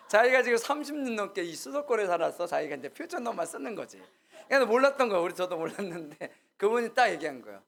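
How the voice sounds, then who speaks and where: A man's voice: sits high, a bit bright. A male pastor giving a conversational sermon, telling stories casually, quizzing the congregation and acting out quotes. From Gyeongsang region. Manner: casual storytelling, asks the congregation questions and acts out quotes.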